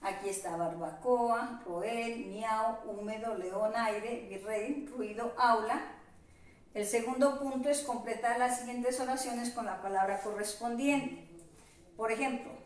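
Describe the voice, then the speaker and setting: A woman teaches at a slow, deliberate pace, with a voice that sits a little high. She sounds distant from the mic, in a strongly echoing room. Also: a little mellow. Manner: slow, careful spelling-out of examples. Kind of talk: virtual class lecture.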